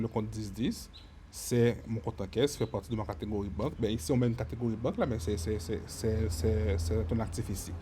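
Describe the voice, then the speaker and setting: A man giving a screen-recorded software lesson, often repeating words and filling pauses as he explains. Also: medium pitch, slight background noise. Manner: stammering repetitions, many fillers. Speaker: software tutorial instructor.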